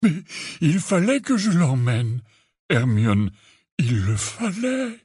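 A man doing a slow, stammering, anxious giant. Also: mid-range voice, darkish tone, dry recording, clean studio sound. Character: huge, anxious, tender-hearted half-giant man. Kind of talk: audiobook character reading.

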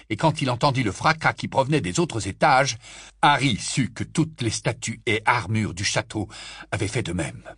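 A male narrator reading a storybook with a lively, rising and falling delivery. His voice has a husky edge, and the sound is close and dry with no room echo. Mid-pitched. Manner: expressive reading, varied intonation. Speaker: audiobook narrator.

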